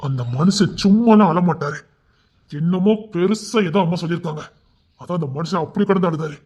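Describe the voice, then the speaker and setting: Husky-voiced man telling an emotional story. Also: sits high, brisk, darkish tone. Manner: emotional, tearful delivery of his characters. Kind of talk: dramatic audio story narration. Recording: dull lo-fi recording.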